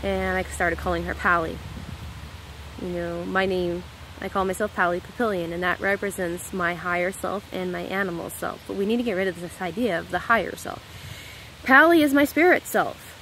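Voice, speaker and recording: A woman's voice: on the low side, moderate pace, fairly bright tone, slight background noise, rough recording. An American woman in her thirties giving a casual spiritual monologue to camera, rambling into tangents and correcting herself as she goes. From United States. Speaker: spiritual vlogger.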